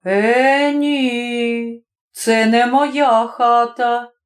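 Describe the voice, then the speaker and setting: A woman's voice: fairly high pitch, reverberant. Woman doing a muttering stubborn village man. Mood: grumbling. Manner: slow muttering to himself. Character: grumbling middle-aged village man, stubborn and sly.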